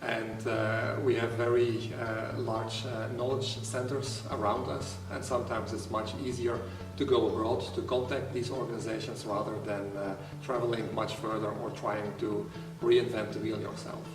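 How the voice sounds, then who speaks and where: A middle-aged man from Belgium gives careful, hesitant interview answers full of fillers. His low voice is picked up from afar in a reverberant room. Music runs clearly behind him. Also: little pitch movement, moderate pace. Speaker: employers' organization representative. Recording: echoey room from far off with music.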